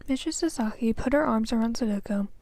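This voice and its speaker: A woman student reading a children's novel aloud in a careful, soft, breathy manner, with occasional small slips. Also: a little high, quick pace, no room sound. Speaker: student reader.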